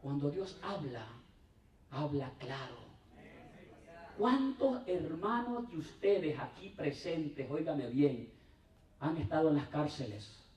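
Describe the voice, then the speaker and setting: A man's voice: a little high, lively intonation, takes it slowly. Roomy, distant man preaching in church. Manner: conversational preaching, often calling out to the congregation; emphatic, swinging from raised to hushed. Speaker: pastor. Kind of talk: sermon.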